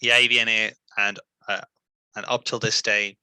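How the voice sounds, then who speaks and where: A man teaching English in a speaking lesson, patiently explaining in Spanish and modelling English phrases slowly. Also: fairly low pitch, little pitch movement, pushed and bright, clear, resonant tone, no echo.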